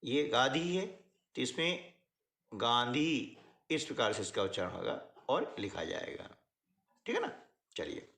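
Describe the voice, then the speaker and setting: With a gravelly voice in an echoey room, a man walks through a workbook lesson step by step. He keeps his pitch lively and shifting, often checking in with short questions to the listener.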